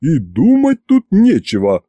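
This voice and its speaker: A man voicing a formidable stout woman chief accountant, gruff and domineering, with blunt folksy speech and a booming manner. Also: wildly swooping pitch, unhurried, mellow, no echo, full character voice. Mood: gruff, bossy.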